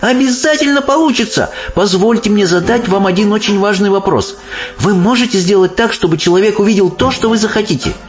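A man voicing a brave, indignant young orphan girl who is quick to protest, in a storybook reading. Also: high voice, pitched above the performer's own voice, lightly acted. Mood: eager. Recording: dull audiobook sound, faint music.

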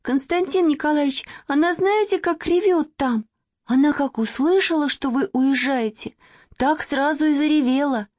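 A woman's voice: sits high, normal speed, a little mellow, no room sound, voice pushed up, natural voice. A woman voicing an earnest little girl who speaks bluntly and reproachfully. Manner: blurting, reproachful. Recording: dry, slightly dull recording.

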